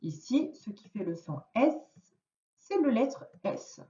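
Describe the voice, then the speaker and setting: French lady teacher sounding out words real slow, lively up and down voice, dull echoey room. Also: on the high side, recorded from a distance. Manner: slow, deliberate word-by-word dictation. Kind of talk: recorded reading and spelling lesson for a child.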